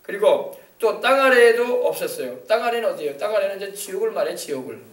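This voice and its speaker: A man's voice: sits high, expressive, fast. A male pastor preaching a sermon in an emphatic way, often checking that the congregation agrees. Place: church sanctuary. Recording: echoey church hall, mic at a distance.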